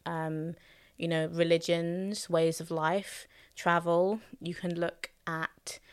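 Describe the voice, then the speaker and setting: A woman's voice: fairly low pitch, level tone, slow, clear, resonant tone, no room sound, studio quality. A young woman, talking openly and thoughtfully about her time as a student, with plenty of fillers. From London, England. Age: young adult. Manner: thoughtful and candid, many fillers, laughs easily. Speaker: guest recalling her student years. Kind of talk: casual conversation.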